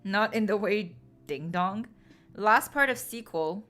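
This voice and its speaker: A woman's voice: mid-range voice, slow, a bit bright. A young woman streamer chatting casually with viewers, playful and sarcastic, teasing, with many "like" fillers. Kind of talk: casual chat. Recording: faint background music.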